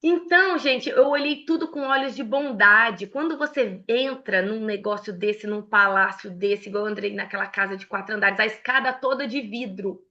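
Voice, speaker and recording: Bright-voiced Brazilian woman, emotional storyteller. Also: mid-range voice, normal speed, few pauses, muffled recording. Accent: Brazilian Portuguese. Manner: emotional and expressive, laughs often. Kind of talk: casual mentoring talk with personal stories.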